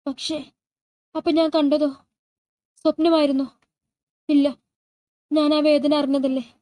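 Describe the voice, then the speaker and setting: A woman's voice: high-pitched, level tone, takes it slowly, mellow, no echo, voice pushed up. A woman voicing a frightened young woman in hospital pain, anxious and pleading.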